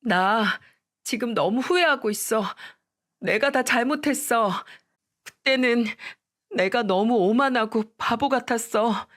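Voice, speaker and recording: A woman's voice: a little high, slow pace, a bit bright, pitched above the performer's own voice. A woman voicing a tearful ex-wife who pleads and begs, in a story radio reading. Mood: begging. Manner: crying, begging.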